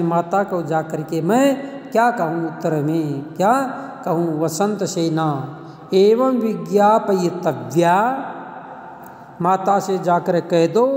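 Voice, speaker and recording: A man teaching a classical play, reading each line and then explaining it plainly, sometimes chanting verse in a slow sing-song. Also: sits high, a little mellow. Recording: echoey room with long reverb.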